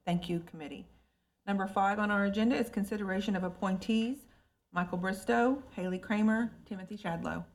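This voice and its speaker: Woman committee chair running meeting procedure, polite and formal, mid-pitched voice. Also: a little fast.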